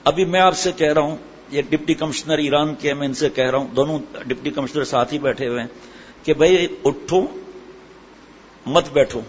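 A man's voice: on the high side, fairly even intonation. A middle-aged man preaching a sermon, asking his listeners questions and answering them himself. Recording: hall echo, dull sound, faint ambient noise.

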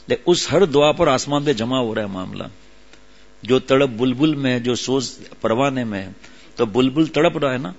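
An older man preaching to a seated gathering in a storytelling way, with asides to his listeners. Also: mid-range voice. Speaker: religious preacher. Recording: dull lo-fi audio.

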